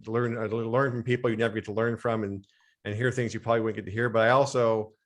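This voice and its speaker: Fast-talking American man, lowish voice. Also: level tone, fairly bright tone. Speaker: podcast guest, strength and conditioning coach. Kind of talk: casual interview chat.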